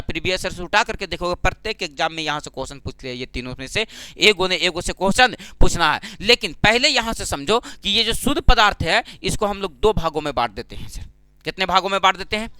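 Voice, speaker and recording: Bright high-voiced male teacher. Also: smooth, dry recording. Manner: asks and answers his own questions, repeating key terms; calls students "sir" and "babu". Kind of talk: exam-prep classroom lecture.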